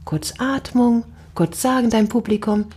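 A middle-aged woman in a casual conversation, telling stories with lively, animated swings of pitch. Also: moderate pace, slightly rough. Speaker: wedding speaker and officiant.

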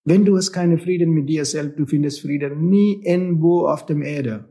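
A man's voice: on the high side, normal speed, dark tone. Earnest non-native male spiritual teacher. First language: not German. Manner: earnest, repetitive, non-native grammar, rhetorical questions. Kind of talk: spiritual talk.

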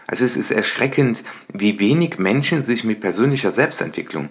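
A middle-aged man hosting a motivational podcast, talking lively and acting out little everyday scenes in changing voices. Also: fairly low pitch, fairly quick. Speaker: podcast host and coach.

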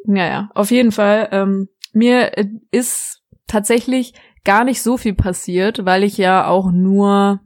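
A young woman co-hosting a casual podcast, rambling through anecdotes. She giggles often and restarts her sentences. Her voice sits at an ordinary pitch for a woman. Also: fairly even intonation, slow, darkish tone. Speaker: podcast co-host. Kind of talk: casual chat.

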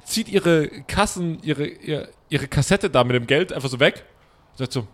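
A young German man telling a long, animated everyday story in casual chat, acting out his own inner voice and mocking himself. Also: a little high, moderate pace.

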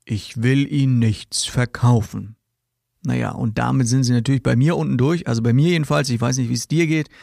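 A man's voice: mid-range voice, quick pace, creaky, few pauses, a little mellow, no echo, studio quality. A man hosting a podcast as a sales trainer, talking casually and directly, laughing as he mocks stock sales phrases.

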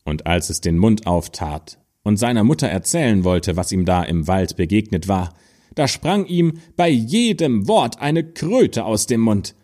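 A man reading an old fairy tale aloud in a storytelling style. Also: fairly low pitch. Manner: slow, lively storytelling, raising his voice for quoted figures.

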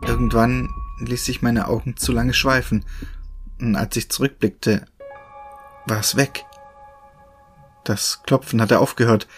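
A man's voice: mid-range voice, steady tone, a little slow, pauses often. Man narrating a horror story. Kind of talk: scripted first-person horror narration. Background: faint music.

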